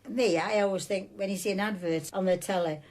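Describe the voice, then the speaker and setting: A woman's voice: mid-range voice, fairly even intonation, brisk, darkish tone. Older woman telling a story chattily. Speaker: former store supervisor, interviewee. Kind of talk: conversational interview recollection.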